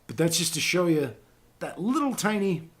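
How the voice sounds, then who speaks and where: A podcast host who is also a voice actor, with a voice on the high side at normal speed, shares voice-acting stories on a casual talk show. He tells them with animation, acting out the quotes.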